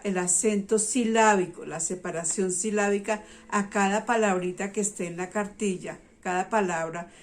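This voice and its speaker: A middle-aged woman teacher patiently explaining a reading method to parents, often pausing to check they follow. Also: mid-range voice.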